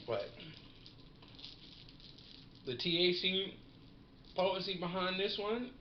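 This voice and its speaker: A man's voice: sits high, takes it slowly. A man talking casually in slang while smoking and reviewing a cannabis strain. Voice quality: slangy, relaxed, savoring. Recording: roomy, dull lo-fi sound with faint noise.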